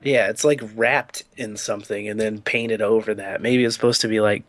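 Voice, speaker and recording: This podcast co-host chats in a relaxed, rambling way, sprinkling in plenty of "like" and "you know." His voice is lowish, his pace normal, and the recording is dry.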